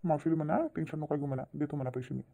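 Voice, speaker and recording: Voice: medium pitch, steady tone, racing, vocal fry, narrow, tinny audio. A voice actor playing a kind, trusting husband in a cartoon, soothing and reassuring his wife. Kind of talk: cartoon voice acting.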